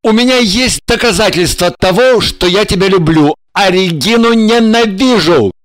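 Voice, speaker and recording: A woman's voice: medium pitch, moderate pace, dry recording, lightly acted, low-quality recording. Woman doing a desperate pleading husband voice, begging, urgent, dry sound.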